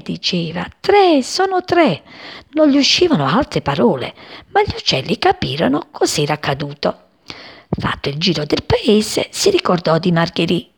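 A woman expressively reading a children's story aloud, slowing and hushing at sad moments. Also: low-pitched, gravelly, husky. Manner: dramatic, slows and hushes for sad moments.

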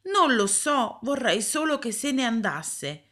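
A frightened little schoolboy, put on by a woman reading a story aloud, pleads in a raised, thin voice that teeters on tears. He speaks in hurried, anxious bursts. It has the feel of a storybook read aloud. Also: sing-song, fairly bright tone, exaggerated voice. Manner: high, pleading, quick to tears.

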